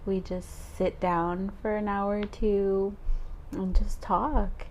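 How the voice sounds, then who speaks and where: A woman's voice: medium pitch, little pitch movement, slow, a little mellow, slight background noise. A woman in her twenties co-hosting a podcast, chatting casually and laughing often between thoughts. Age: 20s. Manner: giggly, chatty, frequent "um" and "like". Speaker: podcast co-host. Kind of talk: casual chat.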